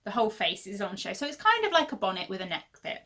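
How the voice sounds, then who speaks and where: Speaking quickly in a sing-song, fairly bright voice of medium pitch, a woman in her thirties hosts a casual knitting podcast from home. She's chatty, rambling, and full of fillers. Her voice is a little worn because she's losing it.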